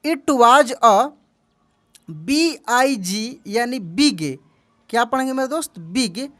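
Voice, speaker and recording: A woman's voice: fairly high pitch, lively intonation, slow pace, fairly bright tone, dry recording, clean studio sound. A woman teaching an English reading lesson online. She spells each word letter by letter, repeats it and asks "what will we read, my friend?". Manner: calls the listener "my friend".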